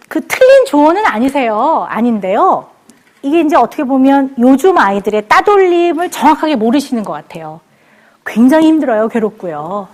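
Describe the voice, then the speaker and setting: A woman in her forties giving a televised lecture to parents, animated and laughing as she acts out how parents talk. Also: high voice. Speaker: child psychiatrist lecturer.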